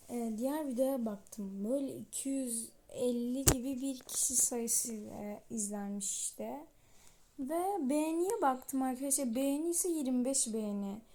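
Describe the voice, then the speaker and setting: A woman's voice: fairly high pitch, warm tone, slight background noise. A woman with a sore throat narrating a toy-app story in a casual, chatty way, pleading with viewers. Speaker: storyteller and channel creator.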